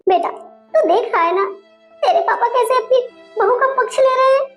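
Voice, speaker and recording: A woman's voice: extremely high pitch, expressive, normal speed, soft background music. A woman doing a bossy scheming mother-in-law. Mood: tearful. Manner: bossy, scolding, tearful complaining.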